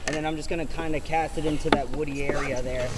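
Man in his thirties, slightly high voice, relaxed and filler-heavy, recorded outdoors on a river with clear background noise. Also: fast talker. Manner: relaxed explaining, many "kinda" and "um" fillers. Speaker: arborist and kayak angler. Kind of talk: casual fishing how-to. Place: outdoors on a small river, seated in a kayak.

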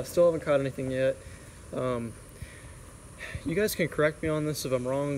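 A young man in his twenties talks into a phone camera held at arm's length while fishing beside a creek. His talk is relaxed and rambling, full of fillers. Traffic and road noise hum clearly behind him. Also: mid-range voice, rough recording. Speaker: fishing vlogger. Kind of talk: casual outdoor vlog. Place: outdoors by a creek under a highway overpass. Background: traffic and outdoor ambience.

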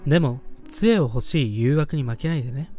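A man reading the lines of a small witch in a storybook game, friendly on the surface with a menacing edge, in his own mellow voice. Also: mid-range voice, moderate pace, faint music behind, lightly acted. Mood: threatening. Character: small female witch, sweet but vengeful.

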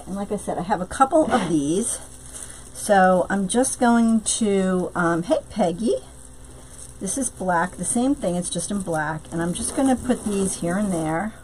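A woman's voice: medium pitch, slight background noise, rough recording. Bubbly woman hosting a craft stream. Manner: bubbly, greets viewers by name, repeats words. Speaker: craft live-stream host. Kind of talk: casual live-stream chat while crafting.

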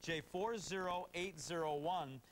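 A man's voice: on the high side, unhurried, a little hiss or hum. A middle-aged American man working as a home shopping host, selling enthusiastically live with item numbers and prices. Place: TV studio set. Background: music.

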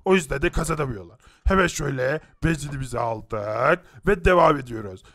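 A man's voice: mid-range voice, lively intonation, brisk, a bit bright. A man voicing Herobrine, a boastful muscular boy racer in a Minecraft animation, who taunts the others.

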